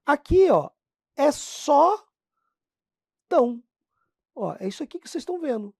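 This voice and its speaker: A Brazilian woman teaching Portuguese grammar in a slow, unhurried way, her pitch rising and falling with lively energy. She addresses her students directly and stretches out the example words. The sound is dry and close, with no room echo. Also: vocal fry. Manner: lively, talks to the class as "pessoal", drags out example words slowly. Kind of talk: classroom lesson explaining phonetics.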